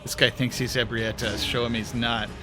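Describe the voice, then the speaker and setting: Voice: medium pitch, little pitch movement, normal speed, music in the background. A game streamer giving casual live commentary while playing, with wry jokes and bursts of mock outrage. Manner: wry, joking asides that flare into mock outrage. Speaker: let's-play streamer.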